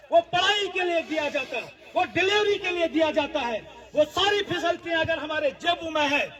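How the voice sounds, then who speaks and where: This is a political rally speech from a man whose voice is very high and fairly bright. He hammers home emphatic, repeated lines before the gathering, captured in dull lo-fi audio full of crowd sounds.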